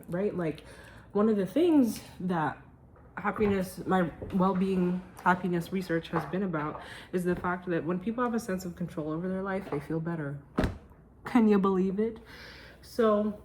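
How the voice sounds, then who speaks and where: A woman's voice: fairly low pitch, a little mellow, a little hiss or hum. A woman vlogging to camera at home at night, talking casually about her day and her well-being research in an emphatic, self-joking way. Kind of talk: casual chatty vlog.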